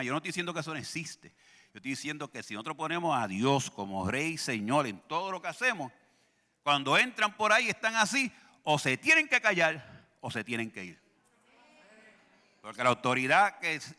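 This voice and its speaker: A man's voice: fairly high pitch, sing-song, moderate pace, sharp tone, in a large hall. A male pastor preaching a sermon in a church, joking and calling out to the congregation. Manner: humorous, calls out to the congregation. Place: church sanctuary.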